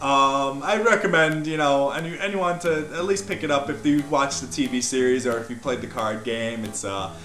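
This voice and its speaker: A man's voice: mid-range voice, moderate pace, hardly any pauses, fairly bright tone. A young man giving a casual game review as a YouTuber, with hesitant, repetitive phrasing, recorded in a living room. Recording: roomy home recording, music behind.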